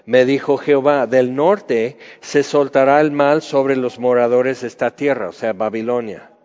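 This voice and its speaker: Preacher in an echoing hall. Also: male voice, medium pitch, steady tone, unhurried, darkish tone, smooth. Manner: conversational, asks listeners questions. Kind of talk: sermon, Bible teaching. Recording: muffled sound with long hall reverb.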